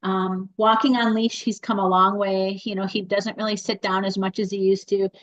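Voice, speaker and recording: A woman's voice: medium pitch, little pitch movement, normal speed, dull audio. A woman who fosters a dog, talking chattily and in detail over a video call. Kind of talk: casual chat.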